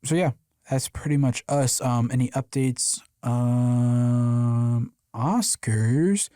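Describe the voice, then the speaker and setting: A young man co-hosting a podcast with a mellow, dark tone. He rambles through fillers and restarts in a sleepy monotone. The sound is close and dry. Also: mid-range voice, slow, clear, resonant tone, no room sound. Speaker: podcast co-host. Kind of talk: casual chat.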